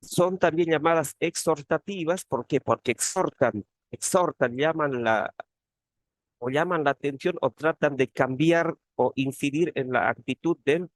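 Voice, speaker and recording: A man's voice: a little high, a little slow, no room sound. A man, a teaching assistant, giving an online grammar lesson, explaining patiently and often tagging phrases with questions. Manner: explanatory, frequent tag questions.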